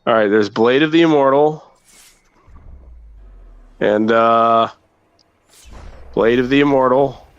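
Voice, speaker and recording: A man's voice: medium pitch, slow, long pauses, clear, resonant tone, muffled recording. A man co-hosting a casual gaming chat, rambling and thinking aloud as he talks. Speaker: co-host.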